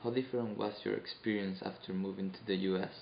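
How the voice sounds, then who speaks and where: A man acts as interviewer, introducing his guest and asking scripted questions in a fairly low voice. His delivery sounds like an announcer's. The sound is roomy and slightly dull. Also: fairly even intonation, fast talker, gravelly, slight background noise. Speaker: interviewer host. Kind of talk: staged mock interview.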